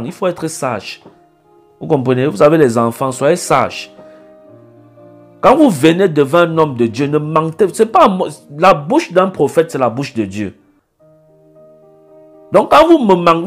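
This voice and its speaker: A man acting as a prophet in a call-in consultation, scolding the caller insistently and repeating himself. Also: fairly high pitch.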